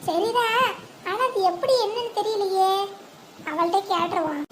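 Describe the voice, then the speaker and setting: A woman's voice: very high-pitched, moderate pace, background noise. A woman voicing a nosy, mocking neighbour woman in a cartoon, teasing and sly. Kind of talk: animated cartoon voice acting.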